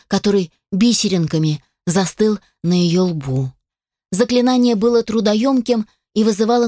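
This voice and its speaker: Lady reading an audiobook, mid voice, even and steady, dry close sound. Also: medium pitch, no room sound. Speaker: audiobook narrator. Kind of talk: scripted narration.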